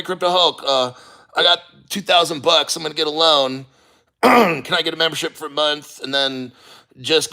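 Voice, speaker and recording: Bright, forceful middle-aged man, rambling livestreamer. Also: a little high. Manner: rambling, profane, halting. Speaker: crypto livestream host. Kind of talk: casual livestream chat, reading viewer comments.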